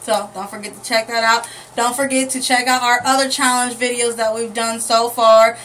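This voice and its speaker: A woman's voice: on the high side, level tone, moderate pace, fairly bright tone. A young woman hosting a challenge video in casual chat, speaking to a camera a few feet away indoors. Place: indoor room with green backdrop. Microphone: camera microphone a few feet away. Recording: distant microphone, clearly noisy room.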